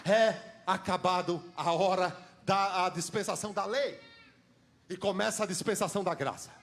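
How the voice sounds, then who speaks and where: A man with a Brazilian Portuguese accent preaching a sermon in church, telling the story dramatically and swinging from shouts to hushed tones. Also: high voice, steady tone, normal speed.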